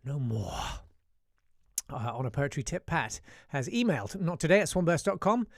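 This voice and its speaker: A man's voice: a little high, sing-song, a little fast, dry recording, clean studio sound. Wry chatty male show host. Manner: chatty, wry, many "uh" hesitations. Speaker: radio-style show host. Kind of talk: casual chat, reading listener messages.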